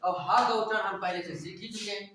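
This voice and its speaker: A man with a fairly high voice teaches a class, posing questions and answering them himself. He keeps checking in with the listeners. The recording is very echoey, and his voice comes from some distance from the microphone. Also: fairly even intonation, fast talker, pushed and bright, slight background noise. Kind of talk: classroom lecture. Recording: echoey room, voice from far off.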